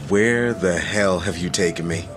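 Music plays behind a deep-voiced man speaking at a measured pace. He voices an illustrator who survived a shooting, relaxed yet guarded, in naturalistic audio drama dialogue that stays casual and understated.

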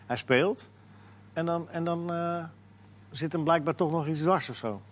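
A man's voice: fairly high pitch, a little slow. A man hosting a sports talk show, hesitant and full of fillers, putting questions to his panel. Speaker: radio host.

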